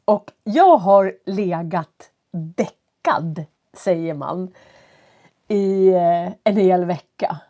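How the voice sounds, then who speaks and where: Woman, stuffy nose, slight cough, slow clear teacher talk, casual live-stream chat from home. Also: fairly low pitch, expressive, dark tone, lo-fi sound. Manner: slow, clear speech for learners, greeting viewers. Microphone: computer setup.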